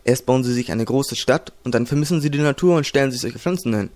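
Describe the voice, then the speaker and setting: A man reading a fantasy audiobook. His delivery is calm and even. The voice sits in a middle range. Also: medium pitch, fast. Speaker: audiobook narrator. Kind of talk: storybook narration.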